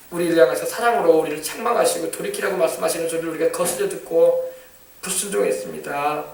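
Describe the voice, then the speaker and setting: A man's voice: a little high, roomy sound, distant mic. A male pastor preaching a sermon in a conversational way, acting out what parents and children would say. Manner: conversational preaching with acted-out family quotes. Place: church sanctuary.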